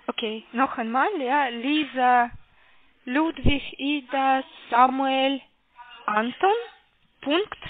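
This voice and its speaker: Over a narrow, thin phone line, a foreign-accented woman, not a native German speaker, handles a sales call from a call centre in a fairly high voice. She goes slowly and hesitantly, taking care with everything she spells out, against slight background noise.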